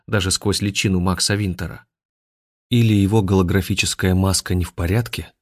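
Deep-voiced man narrating a story. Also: dry recording, clean studio sound. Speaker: audiobook narrator.

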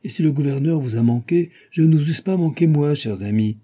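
A man voicing an excitable, swaggering musketeer captain in an audiobook, speaking loudly and animatedly. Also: on the high side, voice pushed up, lightly acted. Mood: excited. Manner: loud, quick, animated.

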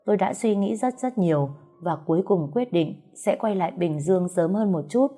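Low, mellow woman narrating a story. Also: expressive, moderate pace. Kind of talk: first-person story narration. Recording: soft music behind the voice.

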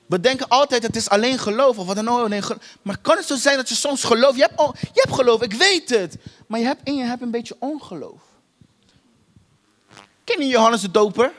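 A man's voice: very high voice, animated, moderate pace, pauses often, fairly bright tone. A man preaching a sermon with emphatic repetition and rhetorical questions to his listeners. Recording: long hall reverb.

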